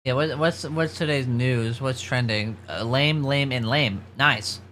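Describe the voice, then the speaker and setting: A streamer chatting casually on a livestream in an animated, sweary manner. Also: mid-range voice, a little slow, slight background noise. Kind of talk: casual livestream chat and gaming commentary.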